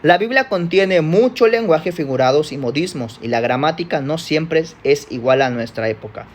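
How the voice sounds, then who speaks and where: A man's voice: on the high side, animated, normal speed, slight background noise. A man from Mexico with a Mexican accent, teaching a church Bible study lesson from slides in a conversational way, often checking in with listeners and correcting himself.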